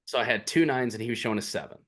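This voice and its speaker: A man's voice: medium pitch, rapid-fire, fairly bright tone. A man co-hosting a podcast in casual chat, laid-back, filling in and correcting details of the story. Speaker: podcast co-host.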